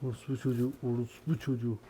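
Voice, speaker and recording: A man's voice: medium pitch, level tone, rapid-fire. Frustrated young man swearing at gameplay. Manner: frustrated, swearing, bursts into shouting. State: sick, voice worn. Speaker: gaming YouTuber. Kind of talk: gameplay commentary.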